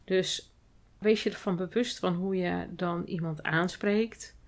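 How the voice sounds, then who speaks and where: A woman hosting her own podcast, talking in a calm, thoughtful and explanatory way in a reflective solo monologue. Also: fairly low pitch, slow pace. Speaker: podcast host and hospital clown.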